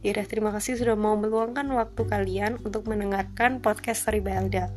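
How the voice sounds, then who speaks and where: A brisk young woman in her 20s with a light Javanese accent hosts a casual solo podcast, chatty and self-deprecating, and slips English phrases in here and there. Her pitch is ordinary and her intonation a little flat, with clear music playing beneath her voice.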